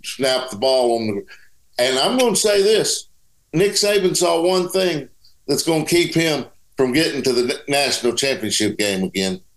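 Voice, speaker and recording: A man's voice: medium pitch, expressive, moderate pace. A man co-hosting a sports show, giving casual commentary and repeating phrases emphatically to drive his points home. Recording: roomy, echoing sound.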